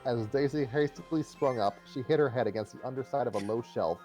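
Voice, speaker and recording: On a live stream, a man narrates a comic story aloud with music behind him, stumbling over and re-reading phrases at times. His voice is medium-pitched, warm and fairly quick.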